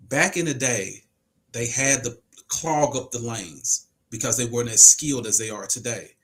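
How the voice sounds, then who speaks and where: A man in his 40s hosts an informal livestream podcast, reading out comments and arguing forcefully with rhetorical questions. His voice has a medium pitch and is a bit bright.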